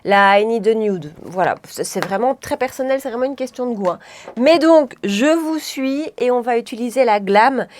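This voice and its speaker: A woman's voice: on the high side, expressive, moderate pace, a little mellow. A woman chatting casually through a makeup tutorial, rambling and often correcting herself mid-sentence. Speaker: beauty vlogger.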